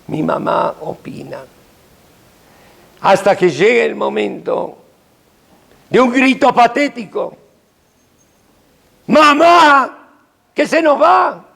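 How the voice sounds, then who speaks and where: An older man, a rabbi, preaching a sermon with dramatic, emphatic storytelling and sudden swings in pitch. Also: vocal fry, slightly rough.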